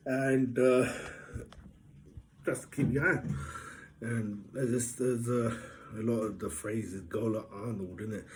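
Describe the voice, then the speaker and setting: A man chats loosely to his camera, upbeat and jokey. His voice is mellow and warm. He rambles and fills his talk with fillers. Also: mid-range voice. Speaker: vlogger. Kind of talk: casual vlog monologue.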